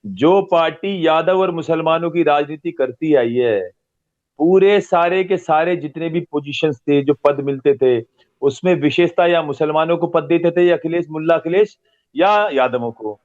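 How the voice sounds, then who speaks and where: A man's voice: fairly high pitch, moderate pace, a little mellow. A religious man answering an interviewer with heated, repetitive and accusatory talk. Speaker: religious guest. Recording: dull lo-fi audio.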